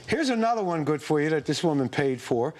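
A man's voice: a little high, very animated, a little fast, a crowd in the background. An older man anchoring TV news, laughing hysterically as he struggles to get his words out. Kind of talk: news read breaking into banter. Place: TV news studio.

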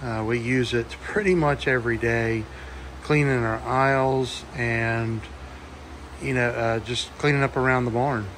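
A man's voice: medium pitch, a little slow. Guy in his 40s chatting about farm tools, easygoing, lots of ums, faint barn hum. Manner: relaxed, plainspoken, many fillers. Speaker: farm owner reviewing a tool. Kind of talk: casual talk to camera. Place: wooden horse barn, indoors.

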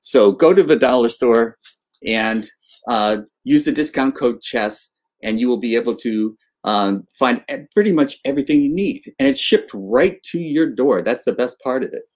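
Host, man in his 60s, webcam call, halting and filler-heavy, mid pitch. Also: animated, darkish tone. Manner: halting, many fillers and restarts. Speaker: interview host. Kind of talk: casual video-call interview with a sponsor read. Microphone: webcam on video call.

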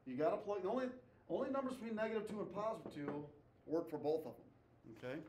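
A man's voice: high-pitched, animated, fast, darkish tone, a little hiss or hum. A man teaching a math class, asking students questions, repeating their answers and tagging "okay?" after his points. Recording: echoey classroom, voice from far off.

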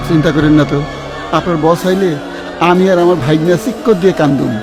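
Male actor as a haggling fixer, quick and high-voiced, over music. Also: steady tone, natural voice. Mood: insistent. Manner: blunt, haggling, stubborn about money. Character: pushy money-minded male funeral fixer. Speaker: hired mourner and fake cleric contractor.

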